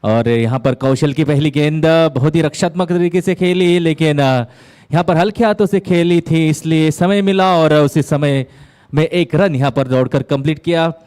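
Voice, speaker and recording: A man with a fairly high-pitched voice calls a cricket match ball by ball. He works in measured phrases with pauses between them, lifting his delivery at key moments of play. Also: darkish tone, smooth. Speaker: cricket commentator. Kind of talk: live ball-by-ball cricket commentary.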